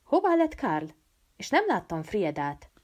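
A woman's voice: medium pitch, huge pitch swings, darkish tone, voice pushed up. A woman voicing an easygoing young male student from Pisa, light, evasive and teasing. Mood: light, wry.

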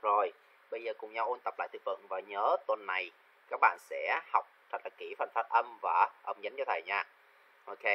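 A man with a Vietnamese accent teaching English vocabulary, saying each word slowly twice and then explaining in quick asides. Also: on the low side, pushed and bright, slight background noise, low-quality recording. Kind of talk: vocabulary pronunciation drill.

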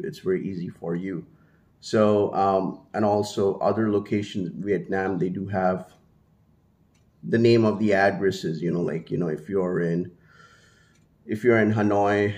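Speaking low with a somewhat dark tone, a man in his thirties from India whose native language is Hindi rambles casually to camera. He's in a small room at home, restarting often and using many fillers. He holds a little mic to his mouth and gestures with his free hand.

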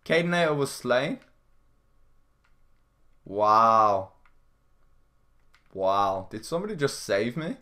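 A man gives casual live commentary as he plays a video game for his stream. His mid-pitched voice is very animated, swinging up and down with excitable exclamations. He tends to repeat short phrases as he goes. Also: slow pace, pauses often. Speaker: livestream gamer, host.

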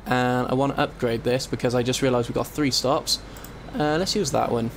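Casual let's play commentary comes from a man who rambles, thinks out loud and frequently breaks off mid-thought. His voice is medium-pitched, fairly even in intonation, and moderately paced. Behind the compressed desktop-mic voice-over, keys clack and faint room noise lingers.

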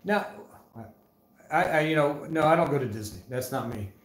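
A man's voice: a little high, expressive, normal speed, echoey room, low-quality recording. A man with a northeast Ohio accent hosting a casual livestream, joking around and reading viewer comments aloud in a folksy way. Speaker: livestream host.

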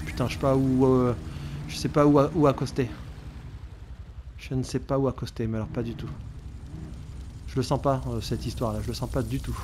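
A man with a mid-range voice gives animated, joking commentary as a let's player, talking to the character he controls. He speaks fairly quickly with long pauses, over loud game noise full of sound effects, sirens and vehicles.

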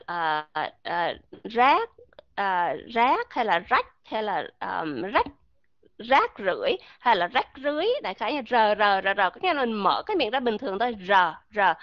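A woman teaching a live online pronunciation lesson, patient and slowly repeating sounds to demonstrate them. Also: on the high side, a bit bright, no echo. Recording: dry, muffled online voice chat audio.

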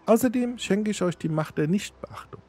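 A man voicing a croaking female goddess of decay disguised as a ragged beggar, in a high put-on woman's voice with a solemn, aloof manner. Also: normal speed, warm tone, faint music behind.

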